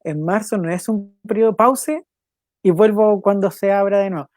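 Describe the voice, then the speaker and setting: Recorded close and dry with no room sound, a young man's voice sits high and a little mellow. He hosts a devotional program with casual talk and spoken prayer, earnest and conversational, often repeating himself, adding quick asides, and laughing now and then.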